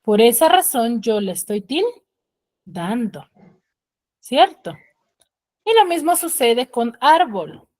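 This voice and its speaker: A woman's voice: a little high, very animated, takes it slowly, pauses often, a little mellow. A woman teaching a class over a video call, explaining step by step and often checking that her students follow. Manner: patient, keeps checking understanding with "¿ya?". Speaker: schoolteacher.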